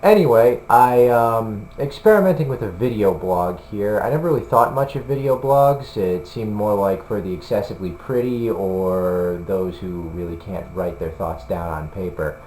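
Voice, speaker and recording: Give me a low-voiced man rambling casually to a camera in an echoey room. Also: moderate pace, hardly any pauses, darkish tone. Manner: rambling, hesitant, many fillers. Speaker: video blogger for a combat sports site. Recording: roomy room with faint hum.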